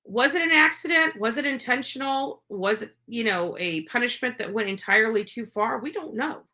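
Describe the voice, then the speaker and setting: A true crime livestreamer speaks in a mid-range voice with a sharp tone. She ad-libs pointed opinions, sounding emphatic and accusatory and using repetition for force.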